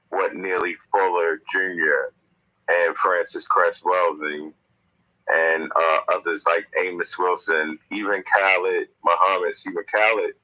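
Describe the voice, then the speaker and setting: Over a speakerphone from his moving car, a man with a low voice and sharp tone talks earnestly in a casual discussion, full of fillers and restarts. The car phone line sounds dull and lo-fi.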